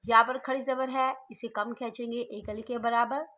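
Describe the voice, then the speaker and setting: A woman's voice: on the high side, steady tone, moderate pace, sharp tone. A woman teaching Quran reading online, explaining letters patiently and drawing out the sounds to demonstrate. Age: middle-aged. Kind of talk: slow step-by-step recitation lesson.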